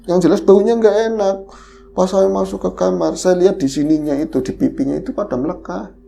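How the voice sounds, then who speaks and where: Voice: mid-range voice, fairly quick, creaky, mellow, a little hiss or hum. A podcast host animatedly retelling a horror story in casual chat, the voice leaping up at the scary moments.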